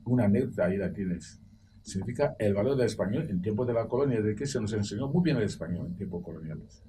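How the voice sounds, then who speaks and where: An older man from Equatorial Guinea telling lively anecdotes on a studio roundtable, his mellow, dark voice jumping into the voices of the people he quotes. He sits some way from the mic, with a faint hiss of noise behind him. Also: lowish voice, fast, distant mic. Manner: animated anecdote-teller, acts out quoted voices. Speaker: debate guest, former school director. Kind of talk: roundtable debate.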